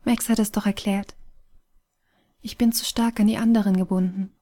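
A woman voicing a weary, wise phoenix spirit that is fading away, speaking calmly and softly in an audiobook reading. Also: mid-range voice, normal speed, natural voice. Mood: gentle, sorrowful.

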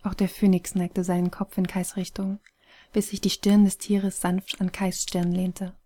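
A woman narrating an audiobook story in a soft, hushed, breathy manner. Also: medium pitch, level tone, measured pace.

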